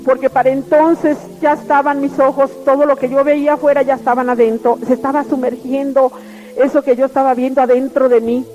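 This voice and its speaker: A woman's voice: high voice, level tone, a little fast, darkish tone. A woman telling her personal religious testimony in an earnest, repetitive way. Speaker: testimony giver. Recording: lo-fi radio broadcast with faint music.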